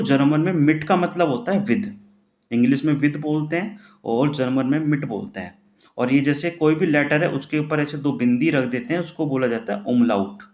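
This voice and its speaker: A man teaching the German alphabet in a classroom style, putting questions to the class and answering them himself, repeating words slowly. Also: medium pitch, a little mellow. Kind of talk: classroom-style lesson explaining pronunciation. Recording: echoey room.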